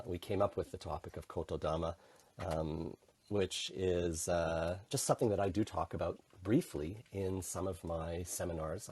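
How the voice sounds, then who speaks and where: A man's voice: deep voice, slight background noise. A middle-aged man with a Canadian accent, a podcast guest casually telling his own story with frequent restarts. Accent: Canadian English. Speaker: podcast guest, intercultural communication consultant. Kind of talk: casual conversational interview.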